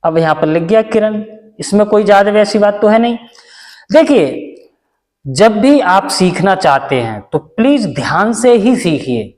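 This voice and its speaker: A man's voice: high-pitched, expressive, unhurried, a little mellow, long reverb tail. A man teaching a basic lesson, patient and repetitive, asking questions and answering them himself. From India. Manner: patient, repeats each step, asks and answers own questions. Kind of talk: classroom lesson.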